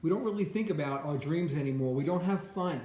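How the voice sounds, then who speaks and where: A man's voice: fairly high pitch, fairly quick, mellow, roomy sound. A man talking casually in a rambling monologue, often repeating words as he starts sentences. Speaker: host.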